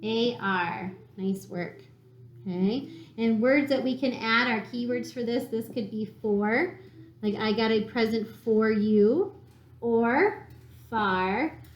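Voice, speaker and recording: A woman's voice: on the high side, muffled recording, a little hiss or hum. Encouraging woman teacher sounding out phonics. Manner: slow, encouraging, sounds words out for young children. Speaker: elementary school teacher. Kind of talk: recorded phonics lesson for children. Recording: echoey room.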